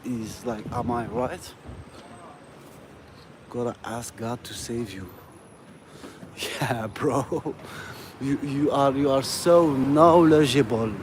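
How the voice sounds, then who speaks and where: A man's voice: mid-range voice, a little mellow. A man from Algeria, chatting casually on a live stream while walking down a city street, rambling and friendly, with "you know" and "bro" in nearly every phrase. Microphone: phone. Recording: outdoor street noise with passing traffic. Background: urban ambience and vehicles.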